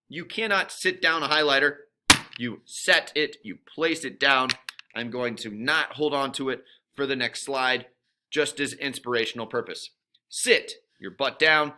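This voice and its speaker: A male teacher giving a recorded grammar lesson, with wisecracks between the rules. His voice swings widely in pitch and has a bright, forceful edge. He hits key words with strong emphasis. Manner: playful, jokey, emphatic.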